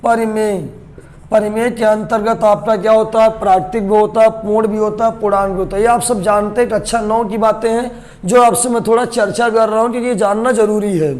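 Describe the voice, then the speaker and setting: A man teaching a math lesson to students. He asks questions and answers them himself, and repeats key terms slowly. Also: sits high, flat delivery, darkish tone. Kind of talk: classroom-style lesson to camera.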